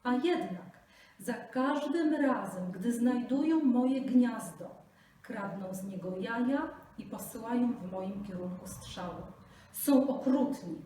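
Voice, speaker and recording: A woman voicing a proud male eagle speaking in a clear, indignant voice. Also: fairly high pitch, expressive, slow pace, mellow, pitched above the performer's own voice. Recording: echoey room, distant mic, faint noise.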